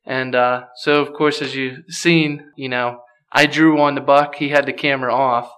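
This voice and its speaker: Easygoing man with a bright, clear voice. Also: mid-range voice, little pitch movement, normal speed. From Pennsylvania. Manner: easygoing, many "you know" fillers. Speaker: podcast guest, hunter. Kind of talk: casual chat.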